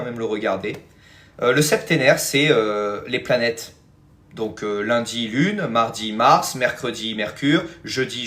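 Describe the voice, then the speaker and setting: A man's voice: mid-range voice, a bit bright. A man hosting a live stream as a spiritual teacher, chatting casually with viewers and answering their comments, with frequent fillers and a habit of addressing them as friends. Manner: rambling, many fillers and "hein", calls viewers "les amis".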